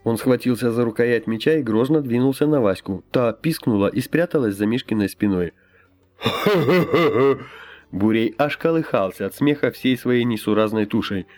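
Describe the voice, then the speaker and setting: A man reading an audiobook aloud in an expressive storytelling manner. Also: medium pitch, fairly quick, hardly any pauses, no room sound, faint music behind. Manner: expressive, lively. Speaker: audiobook reader. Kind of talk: scripted narration.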